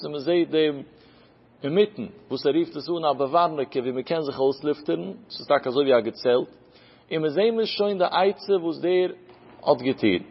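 A man's voice: on the high side, slightly rough. A man giving a Talmud lecture, explaining step by step and asking and answering his own questions. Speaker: Talmud teacher. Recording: lo-fi recording with long hall reverb.

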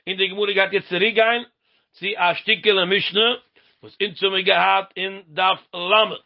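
A man's voice: high-pitched, steady tone, unhurried, vocal fry. A man, explaining a Talmud passage in a sing-song lecture. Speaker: Talmud teacher. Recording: lo-fi dull recording.

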